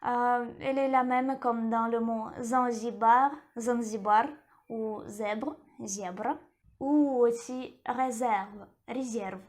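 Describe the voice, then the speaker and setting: A woman teaching a lesson in French, repeating each word slowly and carefully. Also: on the high side, fairly even intonation, noisy background. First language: Russian. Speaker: language teacher.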